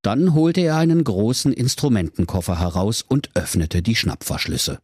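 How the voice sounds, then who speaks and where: A man narrating a comic bedtime story in a playful, animated way. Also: medium pitch, normal speed, slightly rough, dry recording, studio quality.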